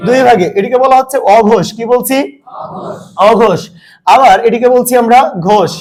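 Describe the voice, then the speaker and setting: A man's voice: very high voice, a little mellow. A man teaching a grammar lesson, asking his students questions and answering them himself.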